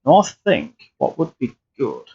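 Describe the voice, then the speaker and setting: A man's voice: mid-range voice, wildly swooping pitch, a little slow, breathy edge, highs cut off. A man chatting casually and rambling through live flight sim commentary, often restarting his sentences. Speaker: streamer.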